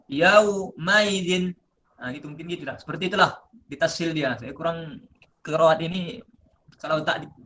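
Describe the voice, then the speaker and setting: A man presenting a lesson on recitation, explaining step by step and slowly chanting drawn-out example words. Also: a little high, sharp tone. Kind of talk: classroom-style lesson presentation.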